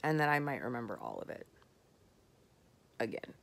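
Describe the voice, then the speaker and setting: Worn out woman rambling into her vlog late at night, really gravelly, words a bit slurred. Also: very deep voice, huge pitch swings. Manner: candid, rambling, with soft pauses. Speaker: vlogger.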